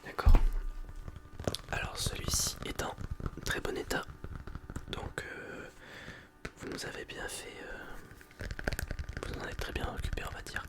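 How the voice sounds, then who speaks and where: A person in a whispered role-play, playing a polite, attentive librarian in a soft library whisper, explaining things with some hesitation. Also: unhurried, long pauses. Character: polite, attentive, gently chiding public librarian serving a borrower. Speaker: ASMR performer playing a librarian.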